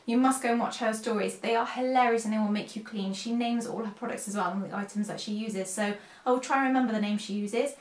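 Woman, casual haul vlogger, higher voice, tired and rambling, roomy home echo. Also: fairly even intonation, fast talker. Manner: chatty, rambling, self-correcting. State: tired, unwell. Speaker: cleaning vlogger. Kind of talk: casual chatty product haul. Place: room at home with a dresser. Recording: echoey home room.

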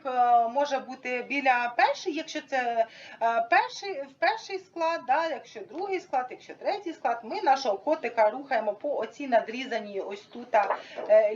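A woman's voice: high-pitched, highs cut off, a little hiss or hum. A woman explaining a teaching method to an audience in an informal, hesitant way, with many fillers, demonstrating with props. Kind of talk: informal instructional talk.

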